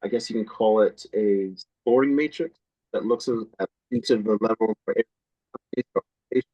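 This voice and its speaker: A man's voice: lowish voice, moderate pace, slightly rough, dull audio. A man joining remotely on a bad connection that keeps cutting out, explaining his team's process in a hesitant way with fillers. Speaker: investment team member. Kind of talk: explaining answer in Q&A. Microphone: remote call. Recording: distant, dropping-out call audio.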